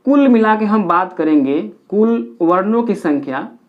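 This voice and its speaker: A high-pitched, animated man teaches a grammar lesson at a board at a measured pace. He counts aloud step by step and repeats the key points for his pupils. The recording is dull and lo-fi.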